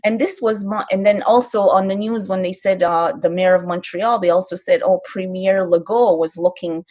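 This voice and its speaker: An older woman from Kahnawake, a grandmother, speaking as an interview guest, earnest and halting when moved, with wry little laughs. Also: mid-range voice, fairly even intonation, darkish tone. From Kahnawake, Quebec. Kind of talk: emotional personal testimony. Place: live stream.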